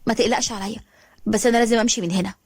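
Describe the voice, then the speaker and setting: A woman's voice: on the high side, fairly even intonation, rapid-fire, dry recording. Woman voicing a grieving, wronged young Egyptian woman. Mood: resigned. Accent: Egyptian Arabic.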